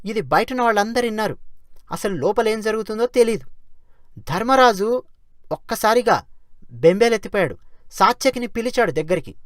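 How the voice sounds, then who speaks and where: A regular storyteller retelling an ancient epic in a casual, spirited way, posing rhetorical questions to the audience as the story moves along. The voice sits at a middle pitch, recorded dry and close with no room sound. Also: normal speed, long pauses, no room sound. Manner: lively, asks rhetorical questions.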